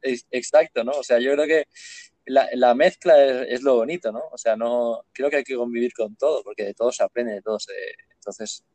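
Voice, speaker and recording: Man, casual host, relaxed, dry recording. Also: medium pitch, moderate pace, dry recording. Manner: relaxed, storytelling, repeats himself. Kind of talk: casual chat.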